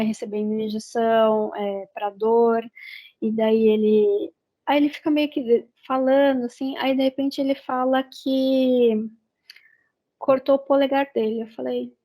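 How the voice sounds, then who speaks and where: A woman's voice: on the high side, steady tone, unhurried, warm tone, poor audio. A woman with a Brazilian Portuguese accent retelling a novel's plot in a casual, rambling book review, full of fillers and restarts.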